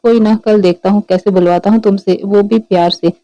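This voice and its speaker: A man's voice: high-pitched, steady tone, fairly quick, mellow, no echo, dull audio, lightly acted. A woman voicing a playful, possessive young man in love who teases his fiancée. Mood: teasing.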